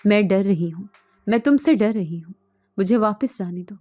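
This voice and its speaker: A woman's voice: mid-range voice, lively intonation, mellow, close to an everyday voice. Woman playing a frightened young captive woman. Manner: pleading, trembling.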